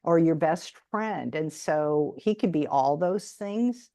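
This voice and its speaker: A woman's voice: low-pitched, animated, slow, no echo, clean studio sound. A woman from the United States, hosting a podcast and giving rambling, conversational parenting advice. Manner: rambling, warm, frequent "you know". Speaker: podcast host.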